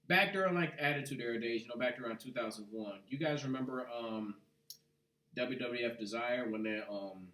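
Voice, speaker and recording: A man co-hosting a casual podcast chat, talking in a rambling, animated way full of asides. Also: medium pitch, normal speed, slight background noise. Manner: rambling, animated, full of "you know what". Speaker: podcast co-host. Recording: echoey room, far from mic.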